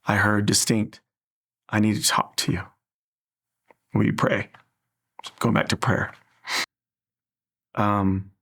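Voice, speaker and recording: Gravelly low-voiced man telling his story. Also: fairly bright tone. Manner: earnest storytelling, acts out dialogue. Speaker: guest sharing a personal story. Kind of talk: personal testimony interview.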